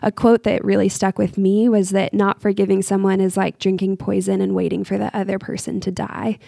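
A woman speaks in a deep vocal fry with a mellow, dark tone. She gives gentle, earnest advice in a reflective faith discussion. Her pitch stays quite flat, and the recording is close and dry. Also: no echo. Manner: earnest, measured, gently advising. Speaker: podcast co-host, university staff.

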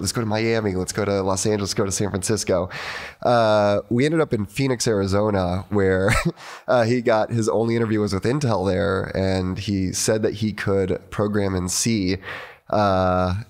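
Low-voiced man, thoughtful guest. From Argentina. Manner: thoughtful, with many fillers and restarts. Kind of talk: casual conversation.

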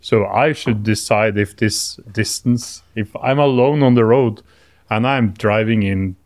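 Low-voiced Norwegian man, hesitant speech. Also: measured pace, darkish tone, dry recording, studio quality. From Norway. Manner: hesitant, many fillers, searching for words. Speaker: podcast co-host. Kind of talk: casual podcast chat.

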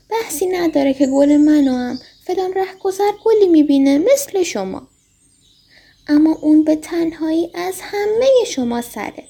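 A woman's voice: high voice, vocal fry, warm tone, voice pushed up. A woman voicing an earnest young boy prince in a storybook reading, speaking in a proud and insistent way.

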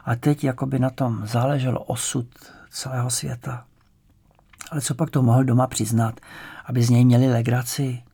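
A male storyteller reads the tale at an even pace, his voice carrying a gravelly edge. He keeps the narration calm and measured, in a middle register. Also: medium pitch. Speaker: audiobook narrator. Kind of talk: scripted narration.

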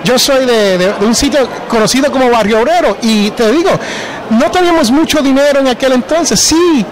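A man's voice: very high voice, brisk, poor audio. A man hosting a podcast interview, chatting casually and slipping English words into his talk. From New Jersey. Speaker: podcast host.

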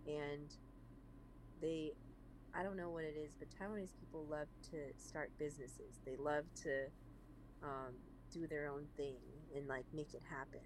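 Chatty young American guest, noisy recording. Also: mid-range voice. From born in China, raised in San Francisco. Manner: chatty, many fillers like "um" and "like". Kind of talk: casual interview conversation.

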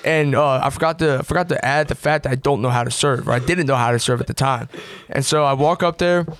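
A young man in his late teens co-hosting a student podcast, telling a self-deprecating story with lots of halting restarts. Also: medium pitch, a bit bright, dry recording, clean studio sound. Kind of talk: casual podcast chat.

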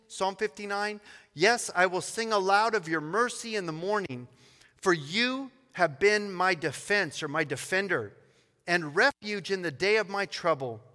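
A man pastor preaching an expository sermon, reading scripture slowly and with emphasis. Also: high-pitched, sharp tone, in a large hall. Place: church sanctuary.

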